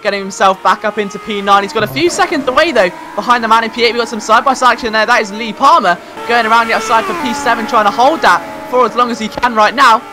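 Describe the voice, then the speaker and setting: A man's voice: very high voice, quick pace, hardly any pauses, over music. A man giving live motorsport race commentary.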